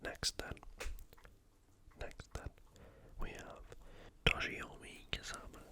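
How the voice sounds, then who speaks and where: An ASMR host whispers throughout, thinking aloud through informal, unscripted sports preview commentary at a slow pace.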